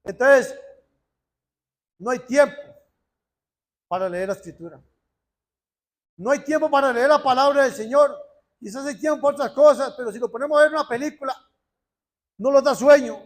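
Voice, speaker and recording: A man preaching in church with a strikingly high voice. He hammers key words again and again with fervent repetition and slows right down when he reads scripture aloud. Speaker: lay preacher. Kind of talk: sermon.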